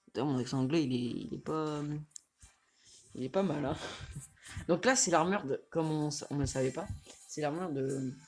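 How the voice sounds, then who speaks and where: A man's voice: on the high side, moderate pace, pauses often. A young man from France giving casual, rambling commentary while playing a fighting game, now and then talking back to the screen. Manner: rambling, excitable, mutters to the game. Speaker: gaming youtuber. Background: game music.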